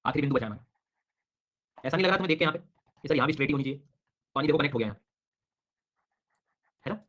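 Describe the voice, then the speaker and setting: A man runs an online geography class, talking very fast and calling on students by name. His comes through as he explains and questions them. The recording is dull and lo-fi. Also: a little high, expressive, fairly bright tone. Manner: brisk, quizzing students by name. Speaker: teacher.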